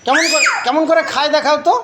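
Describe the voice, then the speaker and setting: A woman playing with her toddler at home, asking simple questions again and again and gently scolding with tutting sounds. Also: high-pitched, steady tone, fast talker, very noisy. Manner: repeats simple questions over and over. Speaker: parent filming her toddler. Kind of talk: playful coaxing talk to a toddler.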